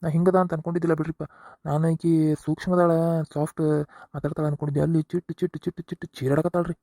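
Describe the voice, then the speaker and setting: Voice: medium pitch, level tone, rapid-fire, warm tone, no echo, clean studio sound, close to an everyday voice. A performer voicing an exasperated young husband in a cartoon comedy, with a North Karnataka accent, lecturing and scolding. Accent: North Karnataka Kannada.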